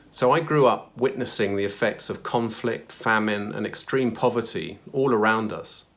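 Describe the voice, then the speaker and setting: A man's voice: on the low side, fairly bright tone. A man from Kenya giving an earnest, reflective personal faith testimony to his church.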